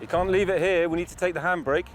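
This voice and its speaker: Fast-talking, firm male police officer. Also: sits high, fairly even intonation. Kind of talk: unscripted procedural explanation.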